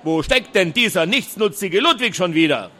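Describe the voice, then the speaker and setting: A man voicing an excitable elderly inventor professor in a storybook reading, fussy and quick to shout. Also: fairly high pitch. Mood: shouting, disgusted. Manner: agitated, shouts when upset.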